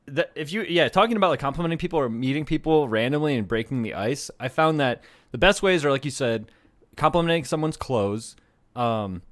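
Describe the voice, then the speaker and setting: A man's voice: medium pitch, expressive, a little fast. A man in his thirties co-hosting a podcast, chatting casually, laughing often and swearing. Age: 30s. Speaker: podcast co-host. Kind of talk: casual chat.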